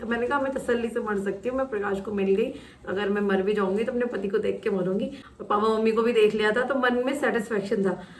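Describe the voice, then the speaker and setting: Young woman vlogger, casual storytelling, animated, higher voice, a bit off-mic. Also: far from the mic, a little hiss or hum. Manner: animated, acts out quotes and shouts in retelling. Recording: roomy echo, voice off-mic.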